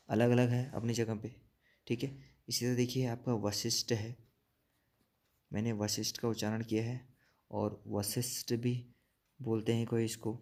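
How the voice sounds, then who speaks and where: A man teaching an exam-prep spelling lesson, explaining slowly, repeating words and asking checking questions. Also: mid-range voice, warm tone. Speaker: Hindi teacher.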